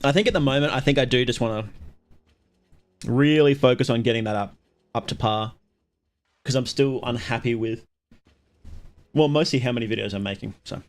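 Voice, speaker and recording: Chatting loosely with viewers, this livestream host has a medium-pitched voice and a meandering, halting style, frequently interrupting his own sentences.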